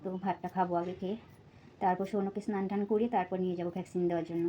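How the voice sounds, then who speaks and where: Woman, Bengali accent, young adult, quick chatty delivery, slightly breathless, faint noise in the background. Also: on the low side, fairly even intonation, mellow, muffled recording. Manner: chatty, many fillers, addresses viewers as friends. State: a little out of breath, talking softly. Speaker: vlogger, mother of two. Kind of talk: casual vlog chat while cooking. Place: home kitchen.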